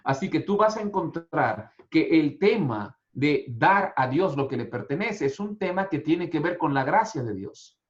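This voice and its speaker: A man's voice: a little high, very animated, unhurried, hardly any pauses. Emphatic preaching man, muffled audio. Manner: emphatic preaching with rising bursts and soft drops. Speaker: pastor. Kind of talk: sermon.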